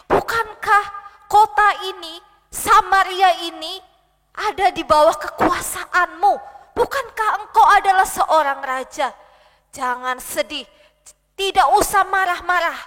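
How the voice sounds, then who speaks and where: A woman's voice: extremely high pitch, measured pace, a bit bright, pitched above the performer's own voice. A woman doing a coaxing, scheming queen. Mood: assured. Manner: coaxing and commanding. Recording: long hall reverb.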